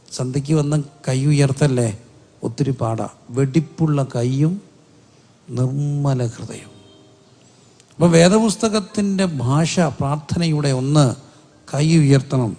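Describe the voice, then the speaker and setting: A man's voice: a little high, dark tone. A man preaching a sermon as pastor, with a Keralite Malayalam accent, asking the congregation rhetorical questions and drawing out emphatic phrases.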